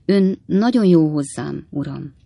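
A fluttering, eager widowed landlady from a storybook reading, as the reader puts her on. The voice is gravelly and the sound dry and close. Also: medium pitch, animated, mellow, no room sound. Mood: flustered.

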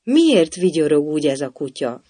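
A timid, polite young girl speaks carefully and eagerly , as a man voices her. The voice is raised in pitch and recorded dry and close. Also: very animated, mellow, dry recording. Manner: polite, a little shy, eager.

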